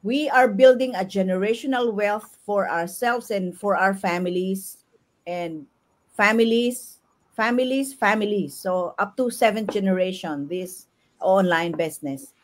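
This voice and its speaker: A woman hosting a casual live stream from her home, chatting warmly with Filipino fillers. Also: mid-range voice, a little slow. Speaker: host. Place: home in New Zealand.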